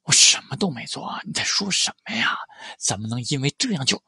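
A man's voice: fairly low pitch, animated, normal speed, vocal fry, sharp tone, breathy edge, dry recording, studio quality, heavily acted. A man voicing a flustered, sly pop idol. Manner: nervous, placating.

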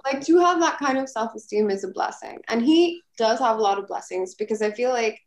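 Her pitch fairly high and her pace fairly quick, this podcast co-host spins a lengthy anecdote in relaxed chat. The delivery is animated and rambling, studded with "like" after "like."

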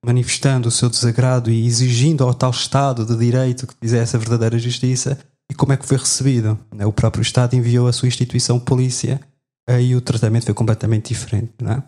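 Flat-toned reflective man. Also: mid-range voice. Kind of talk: conversation.

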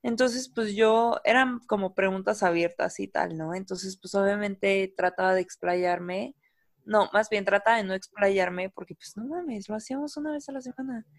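A young woman with a Mexican accent, co-hosting a podcast and telling a story in slangy, animated casual chat. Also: mid-range voice, normal speed, dry recording, studio quality. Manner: slangy, animated, full of fillers. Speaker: podcast co-host.

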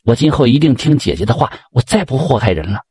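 A man voicing a grateful, eager-to-please female serpent spirit in a folk tale, with a husky voice. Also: medium pitch, big pitch swings, fast, darkish tone. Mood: earnest.

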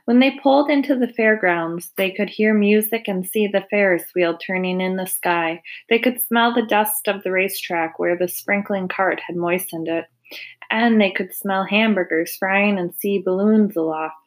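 A woman's voice: mid-range voice, normal speed, low-quality recording. Woman reading a storybook aloud. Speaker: reader.

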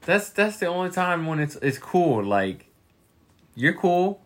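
A man's voice: on the high side, very animated, normal speed. A man co-hosting a casual comedy podcast, swearing freely and slipping into silly voices to act out pets. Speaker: podcast co-host.

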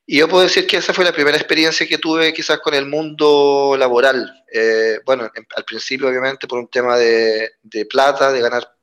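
A man in his forties with a Chilean accent, a guest telling his story in an unhurried, easygoing way. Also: medium pitch, steady tone, fairly bright tone. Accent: Chilean Spanish. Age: 40s. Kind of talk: casual interview.

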